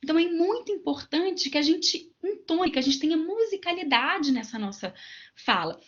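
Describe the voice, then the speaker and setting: A woman from Minas Gerais, Brazil, with a very high-pitched, animated voice speaks at a normal pace, though the audio is dull. Giving an online lecture to teachers in Minas Gerais Brazilian Portuguese, she explains things through everyday examples and side remarks.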